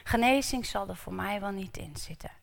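A woman preacher giving a sermon in a church, animated, asking the congregation rhetorical questions and repeating words for emphasis. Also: mid-range voice, moderate pace, vocal fry. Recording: reverberant church hall.

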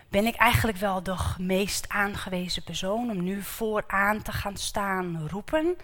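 A woman preacher giving a sermon in a church, animated, asking the congregation rhetorical questions and repeating words for emphasis. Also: medium pitch. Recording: reverberant church hall.

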